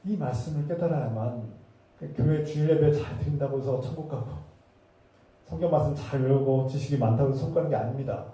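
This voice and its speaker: A man's voice: mid-range voice, fast, dark tone. A man preaching a sermon as pastor, impassioned and emphatic, building his points through repeated phrases. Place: church sanctuary. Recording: echoey hall, voice from a distance.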